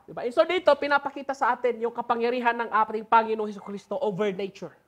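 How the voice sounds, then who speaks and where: A woman with a Filipino accent preaching a sermon in mixed Tagalog and English, asking rhetorical questions and reading scripture slowly and with emphasis. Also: a little high, fairly even intonation.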